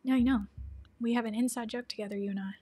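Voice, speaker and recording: A chatty woman with a Tennessee Southern accent hosts a casual livestream and answers viewer questions. She laughs often and slips into soft asides. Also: fairly high pitch, fairly even intonation, fast talker, husky. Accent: Southern American (Tennessee).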